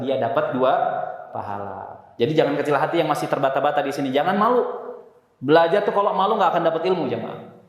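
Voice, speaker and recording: A man teaching a Quran recitation class to a congregation, relaxed and joking as he encourages beginners. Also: mid-range voice. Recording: echoey hall with long reverb.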